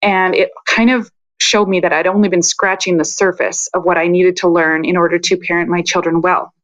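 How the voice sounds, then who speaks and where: A woman's voice: on the low side, fairly even intonation, fairly quick, a bit bright, no room sound. A woman guest in a podcast interview, talking reflectively with frequent fillers. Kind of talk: casual interview talk.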